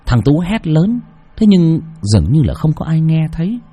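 Husky-voiced man telling a horror story. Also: big pitch swings, moderate pace, dark tone, dull audio. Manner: dramatic, shifting pitch for effect.

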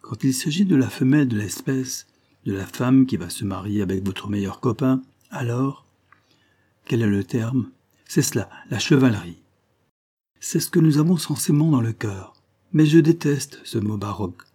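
A man's voice: medium pitch, normal speed, warm tone, husky, natural voice. A man reading as a blunt, uneasy Englishman. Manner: blunt, stammering. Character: phlegmatic Englishman, blunt, ill at ease.

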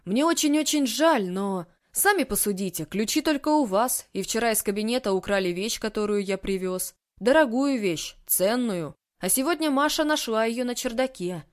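A confident young amateur detective who corners his suspect with sly, insistent questions, voiced by a woman reading the audiobook. The tone sits a little higher than a plain reading voice and never lets up. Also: lively intonation, moderate pace, hardly any pauses, natural voice. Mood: accusing. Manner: pressing, sly, mock-folksy. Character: confident young man, a shrewd amateur sleuth.

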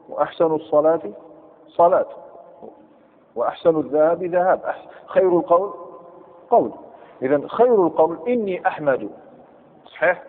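A man leads a classroom grammar lesson in a slightly high voice, testing his students with questions and repeating each example. The recording is thin and phone-like, with a long hall reverb. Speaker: teacher of Arabic grammar. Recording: tinny lo-fi recording in echoey hall.

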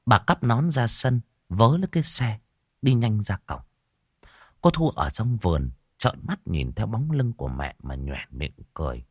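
A man narrating a spooky audio story in an expressive way, swinging between hushed and raised tones. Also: lowish voice, a little slow, slightly rough, dry recording, clean studio sound.

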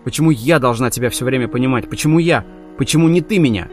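A man's voice: quick pace, darkish tone, faint music behind, natural voice. Man voicing a tearful furious young woman. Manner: shrill, sobbing outbursts.

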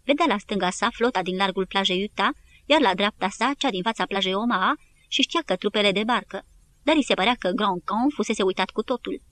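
A woman narrating a war history audiobook in an even, measured reading. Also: medium pitch, a little hiss or hum. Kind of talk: scripted narration.

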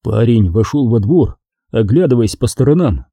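A male audiobook narrator reads a story expressively. His voice is dark and husky, with lively swings of pitch. The recording is dry, with no room sound at all. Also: normal speed, no echo. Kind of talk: scripted narration.

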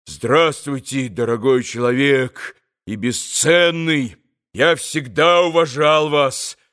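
A man's voice: fairly high pitch, expressive, slow. A man playing a frenzied, stammering young man in a storybook reading. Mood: frantic. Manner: shouting, stammering, breathless exclamations.

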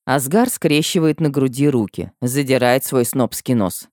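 A woman's voice: unhurried, darkish tone, no room sound, studio quality. Woman narrating a first-person audiobook. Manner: emotional reading with sudden high cries.

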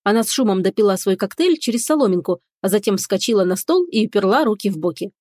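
A woman narrating a fantasy audiobook in a steady storytelling manner. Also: mid-range voice, quick pace, no echo, studio quality.

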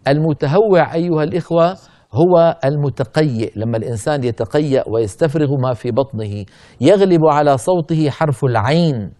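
A man teaching the rules of Quran recitation in a gentle, instructive way. His voice is mellow and dark, and now and then he stretches words out slowly to show a mistake. The sound is dry, with no room echo. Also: fairly high pitch. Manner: demonstrates recitation errors by drawing out words slowly; addresses listeners as brothers, gentle and instructive. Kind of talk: explaining Arabic verse on Quran recitation.

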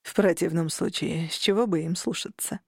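A woman reading the part of a calm, confident, possessive young male vampire in an audiobook, lowering her voice slightly. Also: normal speed, vocal fry, slightly rough, dry recording, clean studio sound. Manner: calm, low-key, confident.

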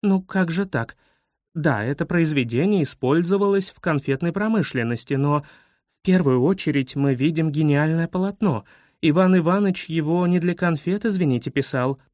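A man's voice: fairly high pitch, moderate pace, a little mellow, no room sound, clean studio sound, lightly acted. A man voicing an indignant woman museum guide in a storybook reading, theatrical and easily outraged. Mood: flustered.

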